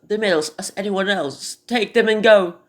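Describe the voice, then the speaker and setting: In an amateur radio drama, a woman with a natural, mid-range voice plays a cunning, murderous noblewoman who pretends to feel grief and mercy. Her delivery is theatrical and deliberate, and the mood is grim and resigned.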